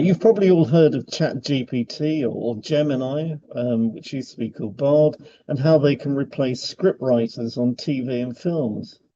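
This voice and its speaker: A man co-hosting a podcast, a hypnotherapist, reads scripted explanatory material and adds informal, chatty asides. His voice is medium-pitched and warm. The lo-fi recording sounds slightly dull, with slight background noise.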